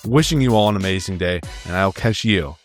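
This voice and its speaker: A man's voice: low-pitched, expressive, fairly quick, faint music behind. A young man hosting a solo podcast, giving friendly, upbeat advice straight to his listeners. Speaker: podcast host.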